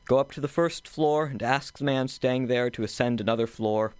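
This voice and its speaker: A young man voicing a mysterious, disembodied voice that rules a tower city, calm and faintly amused. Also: mid-range voice, normal speed, clear, resonant tone, no room sound, close to an everyday voice.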